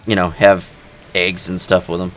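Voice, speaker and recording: Deep-voiced, laid-back game mod developer. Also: male voice, flat delivery, moderate pace, a bit bright, a little hiss or hum. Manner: laid-back, joking, fumbles names. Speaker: mod developer, server host. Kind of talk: casual voice chat.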